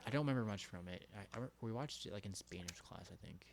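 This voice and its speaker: A young man co-hosting a casual podcast chat, talking haltingly and searching for his words. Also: fairly low pitch, expressive, creaky. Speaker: podcast co-host.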